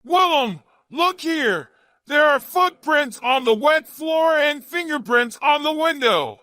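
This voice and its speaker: A man voicing a sharp-eyed male detective who asks measured, careful questions in a storybook reading. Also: medium pitch, animated, slight background noise, voice pushed up, close to an everyday voice. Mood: excited shout.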